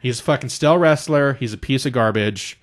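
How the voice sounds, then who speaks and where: A man co-hosting a wrestling podcast in casual chat, animated and profane, acting out quotes in a raised voice. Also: mid-range voice, fairly quick. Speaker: podcast co-host.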